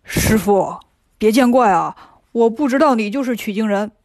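A woman's voice: on the high side, animated, normal speed, darkish tone, dry recording, clean studio sound, pitched below the performer's own voice. A woman voicing Sha Wujing, a polite river demon. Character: river demon turned humble male monk disciple. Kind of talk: storybook reading.

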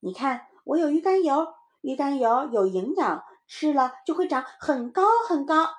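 A woman voicing a cheeky little boy in a storybook, with a high chirpy child voice and a boastful manner. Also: expressive, normal speed. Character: cheeky little boy proud of his drawing.

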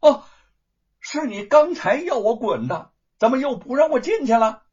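A man's voice: a little high, wildly swooping pitch, measured pace, breathy edge, voice pushed up, exaggerated voice. A male storyteller voicing a clever, mischievous young scholar who teases and talks his way out of trouble. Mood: bold. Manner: mischievous, teasing. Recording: dull lo-fi recording.

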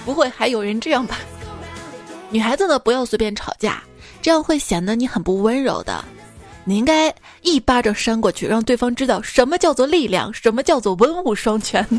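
A woman's voice: on the high side, expressive, fairly quick, soft background music. A woman host delivering a scripted comic monologue in a playful, teasing way, often breaking into laughter. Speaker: radio host.

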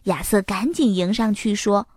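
A woman narrating a children's storybook in a clear, expressive, even manner. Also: mid-range voice, normal speed, no echo, studio quality.

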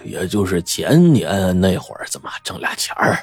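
A man's voice: sits low, big pitch swings, moderate pace, darkish tone, slightly rough, no room sound, exaggerated voice. A man voicing a grumpy, terse old village man who mutters and scolds. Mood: grumbling. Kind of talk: audiobook character voice.

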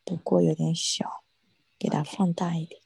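A woman's voice: fairly low pitch, little pitch movement, normal speed, creaky, warm tone, slightly rough, no echo. A woman student practicing an English dialogue over a video call, reading carefully and repeating after corrections.

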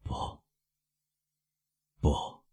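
A man voicing a broken middle-aged male prosecutor who speaks in a low, choked, halting voice. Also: animated, husky, no echo, heavily acted.

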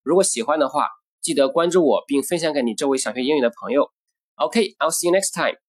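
A man hosting a short English lesson, saying English phrases slowly and explaining them in Mandarin. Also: a little high. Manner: slow, deliberate model phrases, then explains in Mandarin. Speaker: English teacher. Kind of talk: scripted language lesson.

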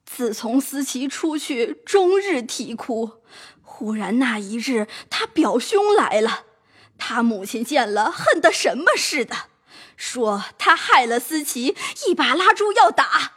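A woman's voice: high voice, very animated, takes it slowly, fairly bright tone, slightly rough, full character voice. A woman playing a servant woman who pleads with her mistress and tells a long sad story. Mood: pleading. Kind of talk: audio drama acting.

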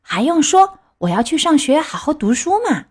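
Woman doing an eager, high-voiced puppet boy. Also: sing-song. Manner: eager, boastful, quick to protest. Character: naive excitable wooden boy puppet. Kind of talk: storybook reading.

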